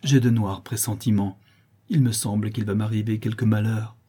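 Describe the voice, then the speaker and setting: A man's voice: on the low side, steady tone, moderate pace, breathy edge. A man doing a tearful humble young woman. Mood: plaintive. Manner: soft, plaintive, apologetic.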